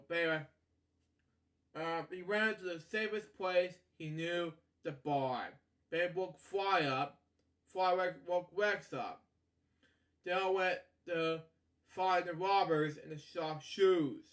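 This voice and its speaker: With a fairly bright voice on the high side, a man hosts a read-aloud of a children's story, stumbling, repeating himself, and going off on rambling tangents. His speech is peppered with filler catchphrases like "okay" and "you know."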